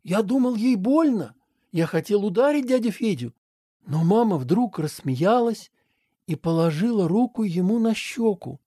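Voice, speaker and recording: A woman's voice: mid-range voice, a little slow, breathy edge, no echo, studio quality. Woman reading a story aloud. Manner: expressive reading with acted voices. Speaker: narrator. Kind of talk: storytelling narration.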